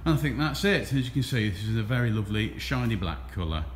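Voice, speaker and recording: With a fairly low voice and quick pace, the trailer dealer from England chats loosely through a walkaround video, um-ing a lot. He films on a handheld phone as he walks the large warehouse, which sounds echoey with a slight hum.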